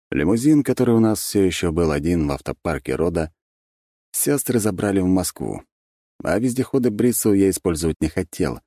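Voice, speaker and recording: Deep-voiced male audiobook narrator. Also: mellow, dry recording, clean studio sound. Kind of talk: scripted narration.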